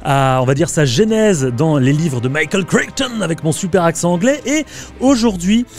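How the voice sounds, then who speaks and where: Young male host, casual and chatty, fairly high voice, light music bed. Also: expressive, normal speed, darkish tone. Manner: chatty, hesitant, many fillers. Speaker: YouTube channel host. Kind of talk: casual video interview.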